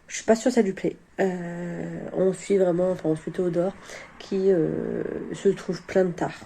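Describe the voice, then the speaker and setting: A woman's voice: fairly low pitch, steady tone, a little slow, vocal fry, dark tone, slight background noise. A woman in her forties from France, chatting casually to camera in a rambling, self-mocking way with many hesitations. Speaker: book vlogger.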